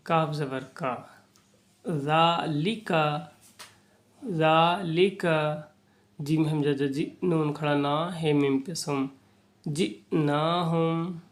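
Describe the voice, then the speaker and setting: A man teaching Quran reading to children, spelling out Arabic letters syllable by syllable and then blending them into whole words. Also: on the high side. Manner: slow and deliberate, drawing out syllables.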